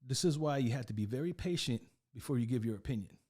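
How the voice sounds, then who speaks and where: A man's voice: medium pitch, lively intonation, quick pace, warm tone. Chatty male sports commentator. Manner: conversational, repeats himself, keeps asking "right?". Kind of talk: casual video commentary.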